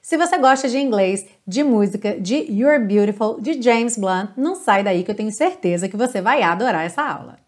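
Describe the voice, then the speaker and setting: A woman with a Brazilian Portuguese accent who teaches English, talking straight to the viewer in a lively, friendly way and reading English lines slowly before translating them. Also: medium pitch. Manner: reads English lyrics slowly, then translates. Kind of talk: upbeat video lesson in Portuguese.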